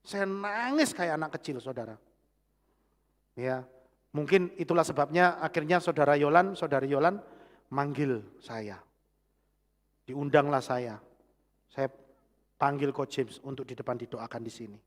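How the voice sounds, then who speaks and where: A middle-aged man with a Javanese accent preaching a sermon with personal testimony, animated, swinging from loud exclamations to hushed asides. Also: mid-range voice, unhurried, pauses often. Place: church hall. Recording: long church hall reverb.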